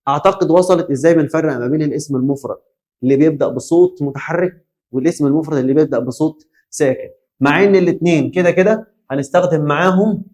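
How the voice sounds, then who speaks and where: A young Egyptian man with a fairly high voice teaches a lesson with plenty of energy. He quizzes his students, asks them to repeat words after him, and answers his own questions. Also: a little mellow. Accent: Egyptian Arabic. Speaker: English teacher. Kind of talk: Egyptian Arabic classroom lesson.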